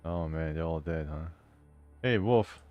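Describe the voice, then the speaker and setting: A man commenting casually on a role-playing game as he plays, reading the game's text aloud and thinking out loud with an amused, chatty manner. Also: a bass voice, a little slow, muffled recording, faint music behind. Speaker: gameplay host.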